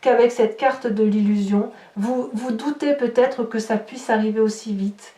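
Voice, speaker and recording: A tarot reader and horoscope host talks a little slowly in a steady, warm, higher-pitched voice. Improvising a reading aimed at her viewers, she explains each step and searches for words out loud, with a distant microphone picking up roomy echo.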